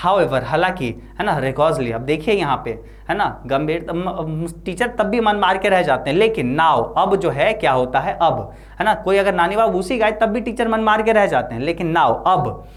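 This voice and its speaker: A woman explaining an English lesson line by line, reading English slowly and explaining in with frequent tag questions. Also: on the low side, lively intonation. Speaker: teacher.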